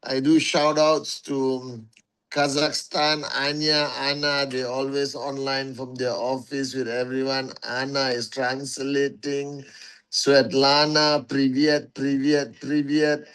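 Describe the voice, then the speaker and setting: Slow, smooth-voiced man greeting livestream viewers. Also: mid-range voice, level tone, fairly bright tone. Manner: greets viewers one by one, calls them warriors; slow, emphatic, repeats phrases. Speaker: network marketing leader hosting a livestream. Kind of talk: casual livestream address to followers.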